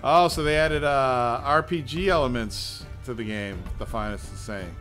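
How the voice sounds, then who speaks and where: A man's voice: mid-range voice, normal speed, music in the background. A man hosting a podcast, chatting casually about a game as it plays, swearing and laughing often. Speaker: podcast host. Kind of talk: casual chat over gameplay.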